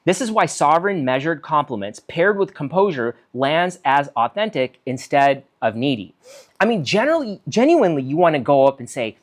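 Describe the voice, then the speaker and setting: A man speaks with a lively, swinging pitch, his voice rising and falling freely. He is a physician giving a solo talk, reading from notes and acting out example lines. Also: moderate pace. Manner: animated, acts out quoted lines, reads from notes. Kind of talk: solo talk on conversation skills.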